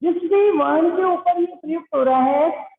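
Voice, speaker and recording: A woman's voice: very high voice, moderate pace. A woman teacher giving an online class, explaining patiently, asking her pupils questions and calling them "beta". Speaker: Hindi teacher. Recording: echoey, phone-like online class audio.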